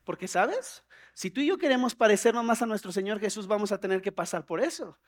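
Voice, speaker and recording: Animated pastor preaching. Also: male voice, a little fast. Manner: animated, acts out prayers in a higher pleading voice, humorous asides. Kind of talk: sermon.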